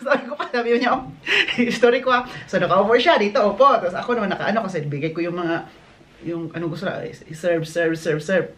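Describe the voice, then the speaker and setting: A man's voice: high-pitched, fairly quick, fairly bright tone. A man from the Philippines who works in a hotel, chatting casually to his phone camera and acting out what guests said. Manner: chatty, mixes English into Tagalog, acts out quotes. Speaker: hotel worker vlogger. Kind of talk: casual vlog chat. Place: hotel, indoors.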